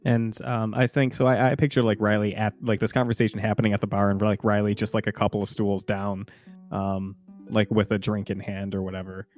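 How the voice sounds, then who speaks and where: Man, game player, rambling, casual, lower voice, faint guitar. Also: level tone, brisk, darkish tone, dry recording. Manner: rambling, many "like"s. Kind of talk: casual tabletop game chat.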